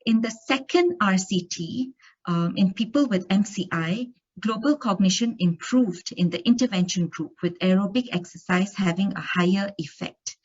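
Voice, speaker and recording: In a conference room, a woman from Singapore gives an academic lecture, reading steadily through study findings with occasional fillers and restarts. Her voice is medium pitch and the audio is dull.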